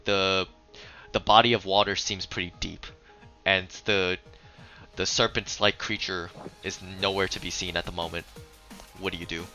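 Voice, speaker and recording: A man's voice: sits low, flat delivery, moderate pace, pauses often, pushed and bright, soft background music. A man narrating as game master of a tabletop game, often stumbling and repeating words.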